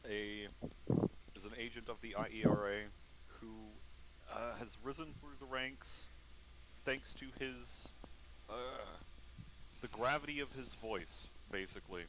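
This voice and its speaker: A man playing in a tabletop game, hesitant and pausing with "uh" and "um" as he explains. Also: medium pitch, fairly bright tone, slight background noise, rough recording. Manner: hesitant, searching for words with many "uh" and "um". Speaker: player. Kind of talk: casual tabletop game chat.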